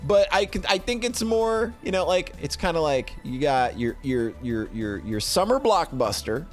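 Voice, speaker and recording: A middle-aged man streaming live presents a tier list, chatting casually and commenting as he rambles playfully and keeps repeating himself. His voice is a little high with big pitch swings at a moderate pace, and soft music plays in the background.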